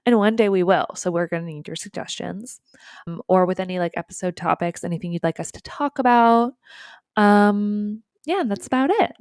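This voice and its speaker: A woman co-hosting a podcast in casual chat, reacting quickly and keeping the talk going. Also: medium pitch, a little mellow, clear, resonant tone, no room sound, studio quality. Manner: attentive listener, quick reactions and backchannels. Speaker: podcast co-host.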